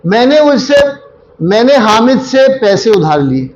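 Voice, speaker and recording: A man's voice: sits high, very animated, unhurried, muffled recording, a little hiss or hum. A man teaching a Japanese grammar lesson to a classroom of students, repeating phrases and quizzing them with frequent questions.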